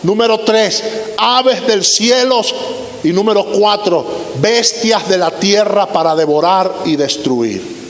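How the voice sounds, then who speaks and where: A man's voice: high-pitched, lively intonation, takes it slowly. A man in his fifties, a pastor, preaching a sermon with emphatic repeated lists. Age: 50s. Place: church sanctuary. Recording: roomy hall reverb with faint hiss.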